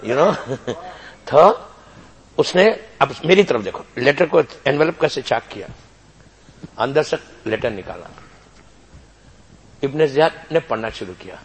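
A male preacher telling a sacred story to a gathering, theatrical, moving between hushed and shouted passages and slipping in English phrases. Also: medium pitch, animated, long pauses. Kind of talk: dramatic religious sermon storytelling. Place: religious gathering before an audience.

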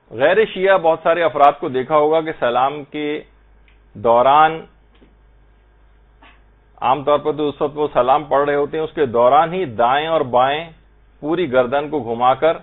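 A man giving an Islamic prayer lesson, patiently explaining and slowly reciting Arabic phrases to show how they should be pronounced. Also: on the high side. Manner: slow, careful recitation of Arabic phrases to demonstrate pronunciation. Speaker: religious teacher. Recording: tinny phone-like audio.

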